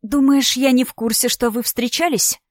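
A woman's voice: sits high, fairly even intonation, moderate pace, no echo, clean studio sound, voice pushed up. A woman reading a storybook part, voicing a spiteful, mocking woman in her thirties who is about to marry, with a raised, sarcastic voice. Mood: taunting. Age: 30s. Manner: sneering, sarcastic, theatrical.

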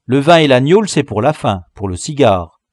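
Man doing a loud, bossy boy gang leader. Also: mid-range voice, sing-song, moderate pace, no room sound, clean studio sound, lightly acted. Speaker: audiobook reader.

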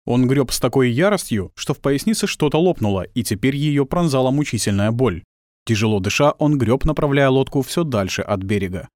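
A man narrating an audiobook in a tense, expressive storytelling manner. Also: mid-range voice, brisk, no echo. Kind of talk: dramatic scripted narration. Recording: dry close studio sound.

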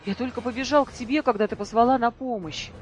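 A reader voicing a furious young boy who defies his mother, with a shouting, indignant voice that breaks. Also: medium pitch, very animated, measured pace, soft background music, pitched above the performer's own voice. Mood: defiant.

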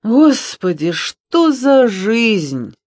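A man reading an audiobook, voicing a skinny, easily alarmed boy in a high, dragging lament. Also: big pitch swings, a little slow, no room sound. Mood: despairing.

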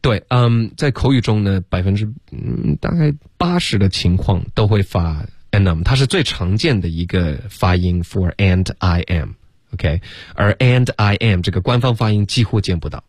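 A man's voice: on the low side, animated, normal speed, a little mellow, dry recording, clean studio sound. A male teacher on a radio English lesson who drills sounds by repeating them and mixes English into his Chinese.

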